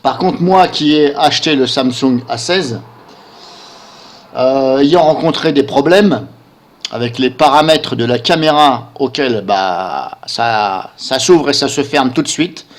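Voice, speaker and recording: A man's voice: medium pitch, takes it slowly. A man vlogging about product reviews he reads on screen, talking casually and sounding incredulous, with lots of filler tags and rhetorical questions. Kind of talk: casual commentary over a screen recording.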